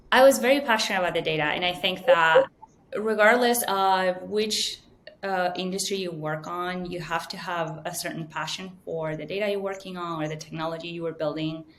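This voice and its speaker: A woman's voice: lowish voice, moderate pace, fairly bright tone. A woman from Venezuela, answering interview questions fluently and earnestly, with frequent ums. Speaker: guest, data science manager.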